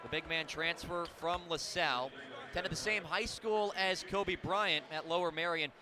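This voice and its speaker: In an indoor basketball arena, an American radio announcer gives live play-by-play at a moderate pace, his voice on the high side. Clipped, vivid calls swell on the big plays, and music, arena noise, and bouncing basketballs sit clearly in the background.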